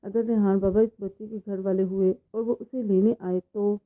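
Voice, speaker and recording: A woman's voice: medium pitch, level tone, natural voice. A woman voicing a worried old family servant. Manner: worried, respectful. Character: loyal older male household servant. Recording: tinny phone-like sound.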